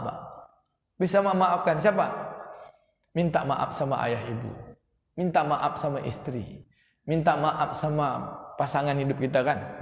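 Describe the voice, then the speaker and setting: A man, an ustaz giving a lively sermon and telling stories with emphatic exclamations. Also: a little high. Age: 30s. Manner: animated storytelling, rising to emphatic exclamations. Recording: echoey hall with long reverb.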